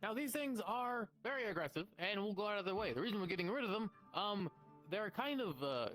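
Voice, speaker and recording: A man acting as game master plays a guild quest giver, running an improvised roleplay mission briefing that's informal and sweary, and he puts questions to the group. His voice sits high and is expressive and fairly quick. Loud music plays in the background.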